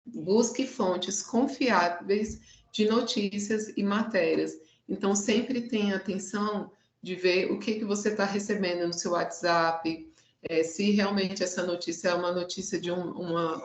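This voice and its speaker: A woman psychologist with a Brazilian accent gives a live talk in a measured, gentle way. She often pauses and uses fillers. Her voice sits at a middle pitch, and the room adds a clear echo. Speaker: clinical psychologist. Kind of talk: live talk with advice and a story. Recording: echoey room.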